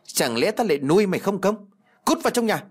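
A man puts on a greedy old village lord who bellows his threats high and harsh. The voice jumps around in pitch and has a husky edge. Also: very animated, fast, heavily acted. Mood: scolding. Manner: harsh shouting.

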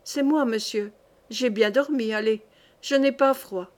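A woman voicing a gentle young girl with a soft, hushed voice in a storybook reading. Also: on the high side, a little slow, natural voice. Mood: cheerful.

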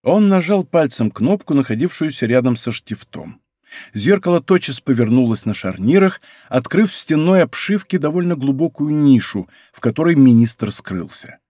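A male audiobook narrator reading a historical novel in a measured, steady way. His voice sits at an ordinary mid pitch. The recording is close and completely dry. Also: dry recording. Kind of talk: scripted literary narration. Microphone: close studio microphone.

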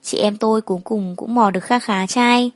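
A woman narrating a first-person story in a plain, steady way. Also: a little high, normal speed, no room sound.

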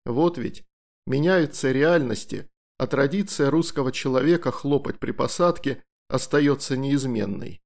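A man reading a first-person novel as scripted audiobook narration in a measured, clearly enunciated way. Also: mid-range voice.

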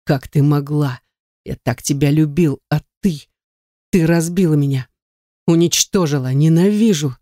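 A woman's voice: deep voice, measured pace, dark tone, no room sound, clean studio sound. A woman reader voicing a furious, jealous young man who growls his words through anger. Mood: furious, bitter.

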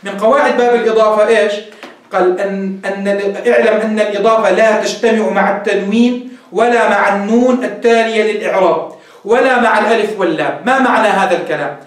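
Guy teaching grammar fast, high voice, reads the text then breaks it down, sounds far off in a big echoey room. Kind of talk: recorded lecture. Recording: echoey room, distant mic.

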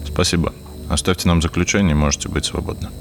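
An actor playing a weary, cynical and gruffly loyal naval officer in a naturalistic drama. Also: male voice, low-pitched, steady tone, quick pace, over music. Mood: resigned, wry.

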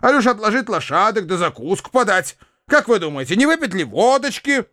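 A hot-tempered landowner who huffs and grumbles with biting sarcasm, as a man acts him out in a storybook reading. His voice jumps high and loud, swinging wide with indignation, and sits close and dry on the mic. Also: big pitch swings, moderate pace, no room sound. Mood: sarcastic, furious.

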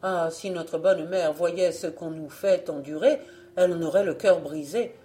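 A woman's voice: on the low side, unhurried, dark tone, lightly acted. A woman voicing a young boy, a hungry and restless brother who speaks wearily and complains, in a storybook reading. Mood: despairing. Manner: weary, complaining.

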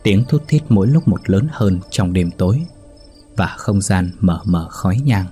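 A man narrating a ghost story in a steady, somber manner. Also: low voice, unhurried, faint music behind.

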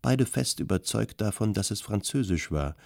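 Man, audiobook narrator, deep voice, calm measured reading, dry studio sound. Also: creaky, dry recording. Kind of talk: scripted literary narration.

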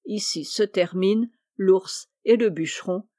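A woman narrates a storybook tale with a measured, expressive delivery. Her voice sits in an ordinary middle pitch and sounds mellow and warm. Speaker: audiobook reader. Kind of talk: read-aloud storytelling.

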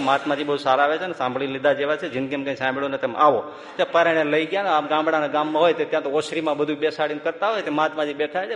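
Monk preaching in an echoey hall. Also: male voice, fairly high pitch. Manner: lively storyteller, chuckling through funny anecdotes. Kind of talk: sermon with folksy storytelling.

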